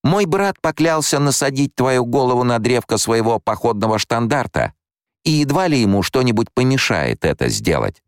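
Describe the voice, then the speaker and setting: A man's voice: mid-range voice, sing-song, moderate pace, clean tone, dry recording, studio quality, pitched above the performer's own voice, natural voice. A man voicing a bold, defiant little girl in an audiobook, cheeky and taunting.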